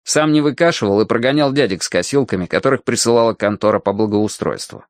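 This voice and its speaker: A man narrating a storybook in an expressive storytelling manner. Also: lowish voice, fast, dry recording, clean studio sound. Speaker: audiobook narrator.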